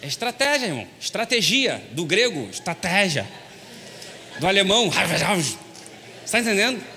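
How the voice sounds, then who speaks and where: A man preaching a lively, joking sermon as pastor, folksy and constantly addressing his listeners as brother. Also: sits high, normal speed, a little hiss or hum. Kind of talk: lively sermon with humorous stories. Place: church hall. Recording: long hall reverb.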